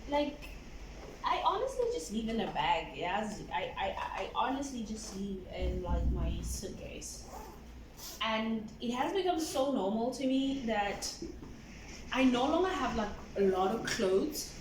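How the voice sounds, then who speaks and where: Here a woman in her 20s chats about self-care in a loose home vlog, her fairly high voice sing-song and a little slow, peppered with "like" and frequent laughter. A stand-mounted camera picks her up from slightly off, so the room sounds roomy with faint ambience, and the background is noisy.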